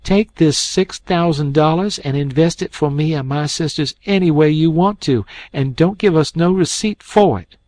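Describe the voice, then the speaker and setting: A man's voice: on the high side, normal speed, hardly any pauses, a little mellow, dry recording, voice pushed up, close to an everyday voice. A man voicing a proud, resolute young woman who speaks firmly and defiantly. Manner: firm, defiant.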